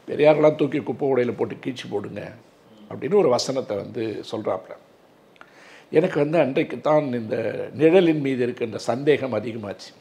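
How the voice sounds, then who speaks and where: A man's voice: mid-range voice, darkish tone. A man in his sixties, an advocate, speaking earnestly and emphatically in an interview, with a lot of filler words. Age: 60s.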